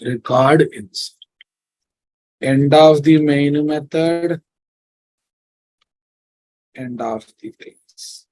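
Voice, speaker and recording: A man's voice: on the high side, extremely slow, pauses often, a little mellow, no echo, low-quality recording. A man with a Telugu Indian accent teaching a live coding lesson, repeating his phrases and often checking in with his students. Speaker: programming teacher.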